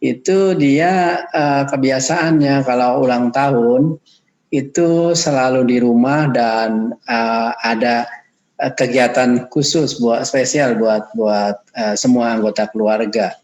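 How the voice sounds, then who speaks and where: A man's voice: medium pitch, steady tone, slow, rough recording. A man teaches a class in a plain, mid-range voice. He speaks off the cuff and explains things step by step, addressing his students courteously. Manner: unscripted, addresses students politely as ladies and gentlemen. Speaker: lecturer. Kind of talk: online lecture.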